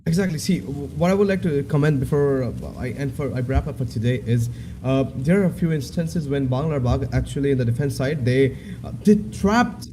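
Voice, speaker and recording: A man's voice: mid-range voice, brisk, noisy background. A man, casting an esports match, talking hesitantly with many fillers and restarts. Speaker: esports caster. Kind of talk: esports post-match analysis.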